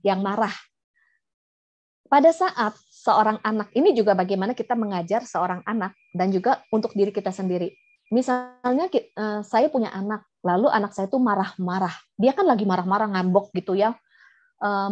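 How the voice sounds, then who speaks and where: Mellow-voiced woman pastor on a video call. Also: medium pitch. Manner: chatty, explains with acted everyday examples. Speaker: pastor and counselor. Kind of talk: conversational teaching sermon over a video call. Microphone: video call microphone. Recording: slightly dull video call audio.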